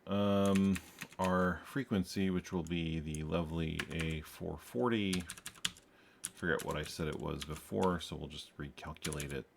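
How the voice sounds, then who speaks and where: A programmer streams his coding, thinking aloud as he works with wry asides and plenty of self-corrections. His voice is low, creaky and unhurried, with fairly even intonation. The background is noisy, with faint keyboard typing.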